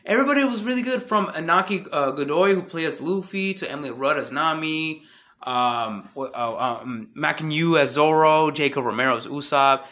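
A man's voice: on the high side, normal speed, pushed and bright. A man hosting a casual podcast chat, laid-back, often laughing and saying "bro". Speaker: podcast host.

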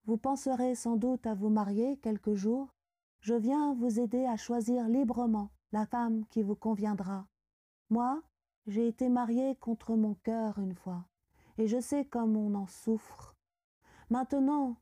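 A tearful, wealthy mother, voiced by a woman reading aloud pleads in an earnest, unhurried way. The voice is soft and mellow rather than sharp, and the lines come slowly and evenly, as in a storybook. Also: on the high side.

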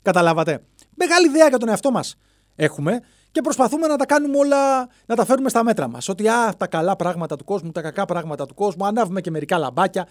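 In a dry studio recording, a man with a high, animated voice runs his own comedic podcast solo. He wanders playfully from bit to bit, often putting on silly voices.

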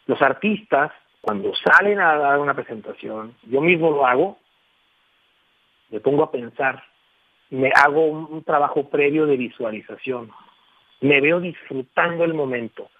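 On a dry, tinny phone connection, a male guest speaker on communication explains his points to a radio audience. His voice is a little high and he speaks at an unhurried pace. He's emphatic, addressing the listener with plenty of tag questions.

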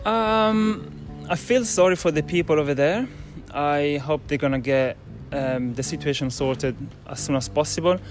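A man with a Swiss Italian accent, a native Italian speaker, answering as a chef guest in a relaxed way full of hesitations and fillers. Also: a little high, moderate pace, faint music behind. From Italian-speaking Switzerland. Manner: relaxed, hesitant with many fillers, laughs easily.

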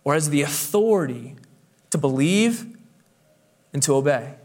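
A man's voice: fairly high pitch, expressive, a little slow, darkish tone. A man pastor delivering a sermon with emphatic preaching, his voice swelling and dropping for effect, with the occasional hesitant filler.

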